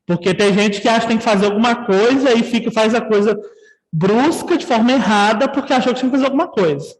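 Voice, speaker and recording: A man's voice: very high voice, quick pace, in a large hall, rough recording. A man with a Brazilian Portuguese accent teaching a nursing ethics class online, talking conversationally and often checking in with his students.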